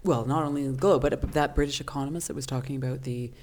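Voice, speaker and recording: Woman co-host, unusually deep voice, measured and thoughtful, dry teasing wit. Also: fairly even intonation, a little mellow, a little hiss or hum. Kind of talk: casual chat.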